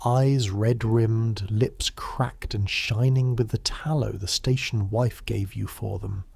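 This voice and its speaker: A man calmly narrating a scripted history story for sleep, addressing the listener in measured second person. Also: lowish voice, vocal fry, breathy edge, no room sound, studio quality.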